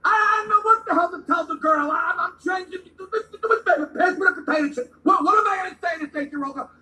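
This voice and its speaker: A man delivering an angry comedic rant, often shouting, stumbling over repeated words and swearing. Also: extremely high pitch, fast, distant mic. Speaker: ranting guest segment speaker. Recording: echoey room, away from the mic.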